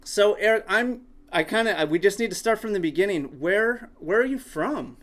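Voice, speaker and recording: An American man hosting a casual podcast interview. His slightly high voice carries eager, rambling questions that loop back on themselves. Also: lively intonation, moderate pace, a bit bright. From United States. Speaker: podcast host.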